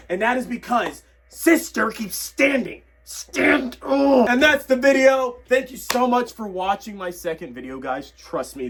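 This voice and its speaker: A young man, hoarse from losing his voice, ranting in excitable yells with sudden quiet asides for a comedy vlog. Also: very high-pitched. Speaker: comedy vlogger. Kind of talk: comedic tier-list rant.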